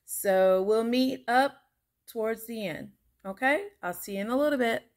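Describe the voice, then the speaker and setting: A woman giving casual craft instruction as a tutorial host, unhurried and counting out the steps as she goes. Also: a little high.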